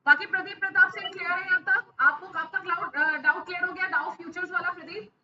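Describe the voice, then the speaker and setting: A woman's voice: extremely high pitch, steady tone, fast talker, pushed and bright. A woman teaching a live online stock market class over a video call. She answers students' questions and keeps checking in with them. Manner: keeps checking in with frequent "ok?" and hesitation fillers. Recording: muffled audio with faint hiss.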